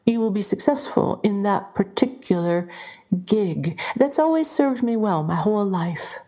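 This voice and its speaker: A woman's voice: medium pitch, unhurried. A woman in her sixties, an audio technician, telling her career story in an interview. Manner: lively, vivid storyteller.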